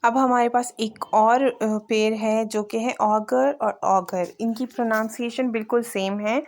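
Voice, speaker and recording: A woman giving a recorded English vocabulary lecture, speaking slowly and deliberately and often checking that her students follow. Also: fairly high pitch. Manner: slow, deliberate, reads example sentences even more slowly; repeats "theek hai" to check understanding. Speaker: English teacher.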